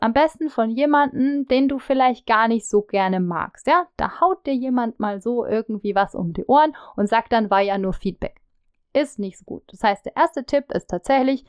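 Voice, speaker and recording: A woman's voice: fairly high pitch, animated, moderate pace, hardly any pauses, smooth, no echo. Woman, leadership coaching lesson, friendly direct address, resonant voice, dry recording. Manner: friendly, addresses listener directly with du, acts out sample phrases. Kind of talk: explanatory teaching monologue.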